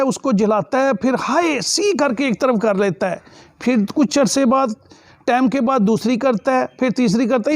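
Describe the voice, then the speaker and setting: Preacher guy, very high voice, dry mic, gets emotional and pleading. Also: no room sound. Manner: emotive, rising to high emphatic pleas. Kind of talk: sermon storytelling.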